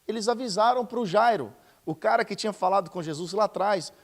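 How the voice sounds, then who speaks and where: High-voiced man teaching Bible study. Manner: slow emphatic scripture reading mixed with casual explanation. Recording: long hall reverb.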